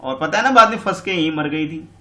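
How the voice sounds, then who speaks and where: Male teacher for a children's lesson: patient, repeats himself, voice a little high, echoey room. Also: expressive, fairly quick, pushed and bright. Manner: patient and repetitive, calls pupils बेटा. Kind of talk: online class lesson explaining a textbook.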